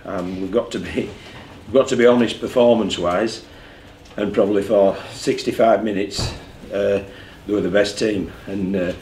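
A man in his sixties talks through a match at a press conference, in a fairly low voice. He speaks candidly and repeats words as he gathers his thoughts. The small room is echoey, with a faint hum behind him. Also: fairly even intonation, moderate pace, darkish tone. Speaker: rugby league head coach. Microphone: desk mic in front of him.

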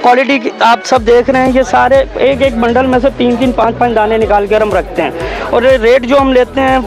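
Male shopkeeper, 30s, high-pitched, eager sales patter, market shop with background music. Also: steady tone, a little fast, vocal fry, low-quality recording. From Pakistan. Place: crowded clothing market shop, indoors.

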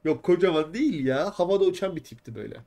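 A man's voice: high voice, lively intonation, fast, dark tone. A young man live-streaming a simulator game, chatting with viewers and swearing in frustration at its bugs. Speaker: gaming streamer.

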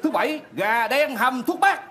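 A man's voice: very high voice, animated, unhurried, full character voice. A man playing a sly, greedy old village elder in a live stage comedy sketch, playful as he reads out a list. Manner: playful, reading out loud.

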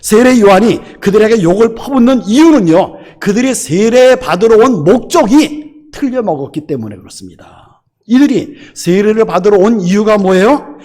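Pastor guy preaching, high voice that jumps all over, keeps throwing questions at the crowd. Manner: animated, rhetorical questions to the congregation. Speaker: senior pastor. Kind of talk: sermon.

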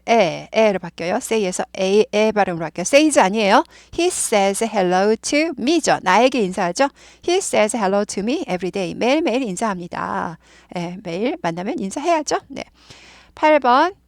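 A woman teaches English in a patient, explaining manner, repeating key phrases and drawing example sentences out slowly. Her voice sits at an ordinary middle pitch for a woman. The sound is dry and close, with no room around it. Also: no echo.

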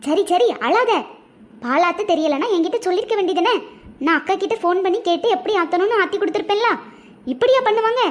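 Woman doing a shrill fast-talking grandma. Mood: scolding. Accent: Tirunelveli Tamil. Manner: scolding, then coaxing. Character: scolding but soft-hearted grandmother. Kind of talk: cartoon voice acting.

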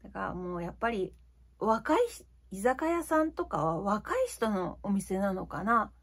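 Chatty, breathy woman in her fifties. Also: medium pitch, very animated, a little slow. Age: 50s. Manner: chatty, confiding, frequent fillers. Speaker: vlogger. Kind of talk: casual storytelling monologue.

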